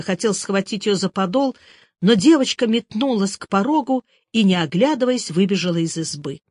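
A narrator reading literary prose aloud in a measured, even storytelling voice. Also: medium pitch, no room sound, clean studio sound.

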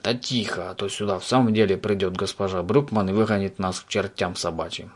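A man's voice: low voice, fairly even intonation, fairly quick, breathy edge. A man voicing a grumpy, anxious middle-aged lodger who grumbles and hisses under his breath.

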